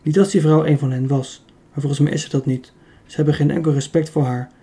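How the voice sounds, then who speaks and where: A man reading an audiobook, voicing a self-assured young woman who calmly argues her plan. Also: on the high side, fast, natural voice. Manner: calm, persuasive. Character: very young woman, confident and clever.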